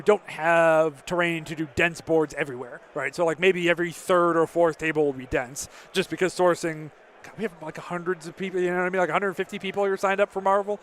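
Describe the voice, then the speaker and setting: Chatty high-voiced male stream commentator. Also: a bit bright, a little hiss or hum. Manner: chatty, answers chat questions, frequent fillers. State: slightly losing his voice. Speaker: tournament commentator. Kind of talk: casual live-stream commentary.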